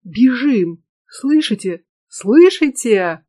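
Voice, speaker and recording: A woman's voice: on the low side, slow, mellow, dry recording. A woman reading the lines of an anxious, earnest young man, the younger brother. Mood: frightened.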